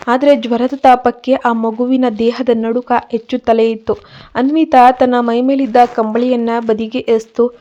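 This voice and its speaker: A woman narrating a dramatic story in a steady, earnest reading. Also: on the high side, lo-fi sound.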